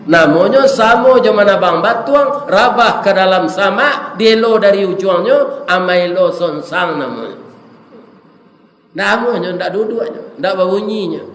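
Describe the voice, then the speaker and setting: A man's voice: sits high, fairly bright tone, a little hiss or hum. A middle-aged man with a Minangkabau accent preaching a humorous sermon, joking with the congregation. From Indonesia. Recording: roomy echo with long reverb.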